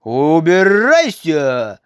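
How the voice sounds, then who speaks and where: A woman voicing a stern, bad-tempered housekeeper who shouts and scolds in a read-aloud story. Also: deep voice, huge pitch swings, very slow, clear, resonant tone, no echo, clean studio sound, exaggerated voice. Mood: angry.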